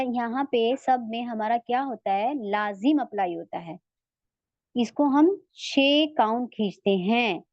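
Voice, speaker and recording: A woman with an Urdu accent and a fairly high voice teaches Quran recitation online; the recording is muffled with no room sound. She patiently asks her students whether they're following and draws out the sounds she demonstrates.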